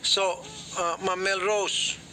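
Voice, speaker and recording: A man's voice: high voice, flat delivery, very slow, very noisy. A middle-aged man hosting a mediation, firm and lecturing, often cutting in to question both sides. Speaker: host mediating a complaint. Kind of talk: public affairs radio mediation.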